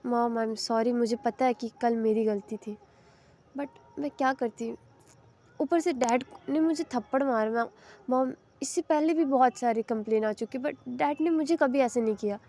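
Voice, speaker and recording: A woman's voice: on the high side, moderate pace, mellow, a little hiss or hum, close to an everyday voice. A woman voicing a young female college student who sounds sulky and apologetic.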